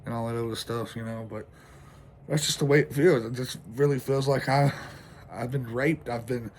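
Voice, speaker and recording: A sleepless man rambles through a stressed vlog rant, swearing freely as he talks outside in the cold. His voice sits at an ordinary middle pitch and shivers a little from the chill. Faint noise hangs behind him. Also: fairly even intonation, brisk. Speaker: vlogger. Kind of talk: venting vlog monologue. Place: outdoors in the cold.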